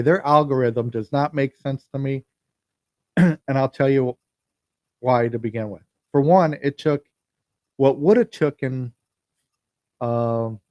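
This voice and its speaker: This podcast host chats casually by himself on a livestream, wandering through his thoughts and frequently starting sentences over or saying them twice. He has a mid-range, slightly mellow male voice, recorded on a phone. The recording is dry and studio-clean.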